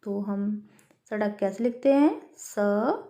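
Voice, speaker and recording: Speaking slowly in a mellow, mid-range voice, a primary school teacher works through a worksheet with young children. She sounds out each word syllable by syllable, calling the kids "beta."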